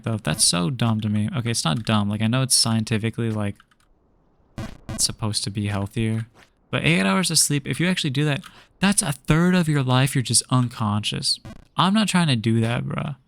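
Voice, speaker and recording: Fairly quick and mid-range, with a creaky, slightly bright voice, this young man rambles easily to his viewers while streaming a game. His casual gaming chat is packed with fillers and false starts.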